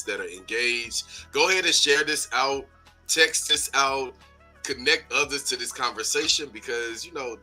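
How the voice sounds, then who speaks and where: Male host, bright forceful tone, casual and upbeat, light music bed behind. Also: mid-range voice. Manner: upbeat, calls listeners baby and y'all. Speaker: morning show host. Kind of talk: casual morning show hosting.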